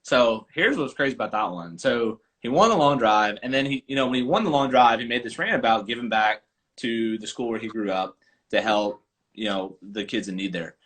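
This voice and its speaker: A man, a golf coach and podcast host, telling stories in an animated casual chat over a live video call. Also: mid-range voice, a little fast. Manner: animated, chatty storyteller.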